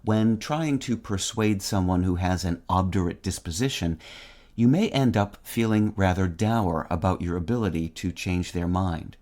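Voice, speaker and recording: A man hosting a short vocabulary segment, reading a script in a measured, wry and precise way and spelling words out letter by letter. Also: low-pitched, a little mellow. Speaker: word-of-the-day host.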